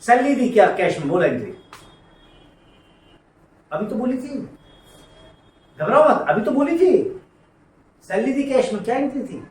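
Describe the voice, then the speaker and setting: This classroom lecture comes from a man teaching accounting, making students repeat entries while chiding them in a familiar, coaxing manner. His pitch is extremely high and swings widely, and he speaks unhurriedly with frequent pauses. The room is echoey, the mic distant, and there's faint noise.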